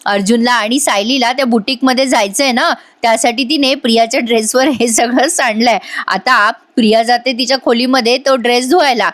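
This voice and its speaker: Woman, voice-over recap, chatty, storytelling, talks to viewers, high voice. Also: steady tone, fairly quick, hardly any pauses, fairly bright tone, dry recording. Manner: chatty, addresses viewers directly. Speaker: serial review narrator.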